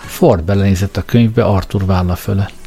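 A man hosting a radio-style serial, reading a story aloud in measured, scripted narration. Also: deep voice, steady tone, dark tone, faint music behind.

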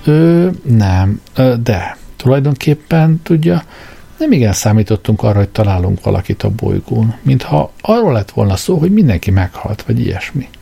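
A man's voice: medium pitch, big pitch swings, vocal fry, dark tone, slightly rough, exaggerated voice. A man voicing a bewildered, flustered man who stammers and hesitates.

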